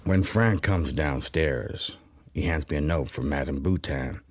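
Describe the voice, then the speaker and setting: An actor playing Tom, a watchful, worldly man in a radio drama, speaking in a measured, guarded way. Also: a bass voice, a little mellow. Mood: brooding, confiding. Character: Tom, watchful worldly man sheltering a runaway, narrating his thoughts. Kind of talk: radio drama narration and dialogue. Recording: music under the voice.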